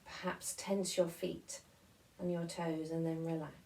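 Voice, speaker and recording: Slow, low-voiced woman guiding relaxation. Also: flat delivery, recorded from a distance, rough recording. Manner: gentle, soothing, unhurried instruction with pauses. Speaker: guided relaxation and devotional movement leader.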